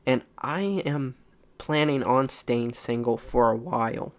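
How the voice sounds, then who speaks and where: A man's voice: mid-range voice, fairly even intonation, a little slow. A young man in his late teens talking bluntly and frankly in a rambling, unscripted personal vlog. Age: young adult. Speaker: content creator.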